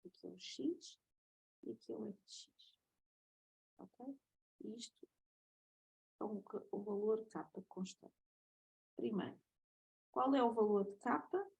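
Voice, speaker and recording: A woman's voice: fairly high pitch, measured pace, gravelly, long pauses, a little mellow, slightly rough, poor audio. A woman with a European Portuguese accent giving a recorded math lecture, explaining step by step and checking in with "ok?" often.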